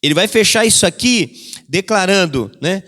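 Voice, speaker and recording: A man preaches in a high voice and hammers his key phrases again and again. He briefly acts out the voices of the people he quotes. The sound rings with the long reverb of a church hall. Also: lively intonation, normal speed, bright, forceful tone. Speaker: pastor. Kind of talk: sermon.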